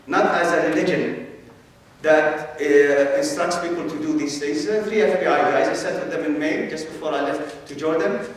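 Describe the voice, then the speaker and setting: A man from Palestine giving an earnest religious lecture as a guest scholar, explaining step by step with frequent pauses. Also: fairly high pitch. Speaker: Islamic scholar, guest speaker. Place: large mosque hall. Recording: very echoey hall, voice from a distance.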